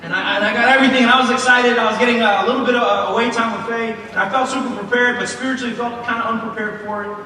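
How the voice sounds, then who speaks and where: A man's voice: very high-pitched, steady tone, rapid-fire, hardly any pauses, sharp tone, a little hiss or hum. A man in his thirties giving a sermon in a church, telling a personal story with lots of fillers and restarts. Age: 30s. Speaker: preacher. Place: large church hall. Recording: echoey hall from far off.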